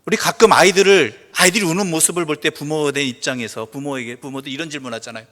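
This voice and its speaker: A male pastor preaching a sermon, asking the congregation questions, answering them himself, and reading scripture slowly and softly. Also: fairly high pitch. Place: church sanctuary. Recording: long church reverb.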